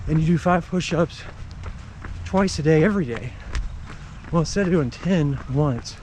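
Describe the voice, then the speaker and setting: Man talking while jogging outdoors, clear background noise. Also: fairly high pitch, expressive, moderate pace, darkish tone. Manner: talking while jogging, in short broken phrases. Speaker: running vlogger. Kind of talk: casual explanatory vlog talk while running. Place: outdoors on a run in the rain.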